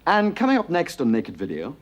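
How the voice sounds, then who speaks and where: A man's voice: on the high side, huge pitch swings, a little fast, dull audio. A man playing a TV news presenter, reading scripted mock headlines in a comedy show. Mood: mock serious. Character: brisk male TV news presenter in comedy sketch. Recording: noisy TV studio with loud audience.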